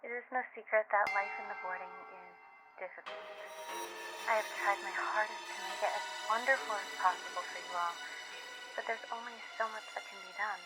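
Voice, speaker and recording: A woman's voice: mid-range voice, fairly even intonation, loud music behind the voice. A woman playing a commanding, falsely tender matron in a game, speaking formally and sweetly through a crackly speaker. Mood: wistful, grand. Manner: formal, sugary, slow-worded endearments. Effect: crackly intercom speaker.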